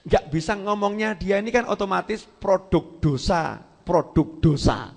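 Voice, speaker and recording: A man with a Javanese accent delivers a sermon with a fairly high voice. He preaches in a lively, joking way and slips into acted voices. The sound rings with a long hall reverb. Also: unhurried, gravelly.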